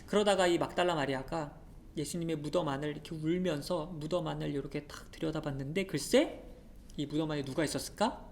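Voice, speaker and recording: Animated woman teaching children with a low voice, a faint hiss behind her. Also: brisk. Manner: animated, expressive, asks children questions. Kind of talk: children's sermon storytelling.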